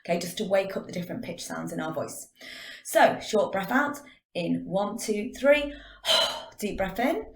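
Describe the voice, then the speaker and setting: Woman leading a warm-up, echoey room. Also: mid-range voice, moderate pace, vocal fry. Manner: calm, counting out breathing exercises. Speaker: drama teacher. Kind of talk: guided vocal warm-up lesson.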